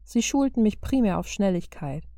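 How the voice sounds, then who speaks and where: A woman's voice: medium pitch, expressive, moderate pace, warm tone, no room sound, studio quality, close to an everyday voice. A woman reading the lines of a cheeky, cocky young female fighter who jokes a lot, in an audiobook. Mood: joking. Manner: cheeky, joking. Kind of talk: audiobook character voice.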